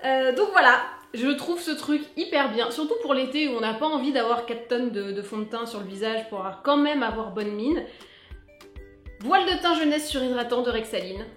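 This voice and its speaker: Young woman, beauty vlogger, higher voice, playful casual chat, echoey room, soft music behind. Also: animated, normal speed. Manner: chatty, playful, bursts into sung asides. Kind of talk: casual product review.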